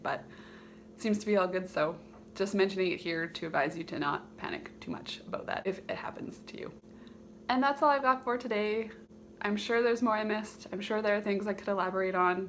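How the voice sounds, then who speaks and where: A woman's voice: mid-range voice, vocal fry, a little hiss or hum. A woman vlogger giving informal personal advice, hesitant and thinking aloud as she goes. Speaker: video host sharing personal advice. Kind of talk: informal advice vlog to camera.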